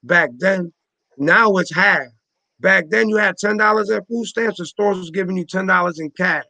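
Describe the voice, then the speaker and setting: A man's voice: high-pitched, normal speed, gravelly, bright, forceful tone, dry recording. A man in his forties hosting a casual panel chat on a video call, emphatic and full of street slang, repeating his points. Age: 40s.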